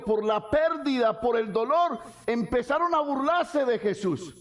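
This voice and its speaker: A man preaching a sermon as pastor, asking the congregation questions and swinging from soft low lines to shouted ones.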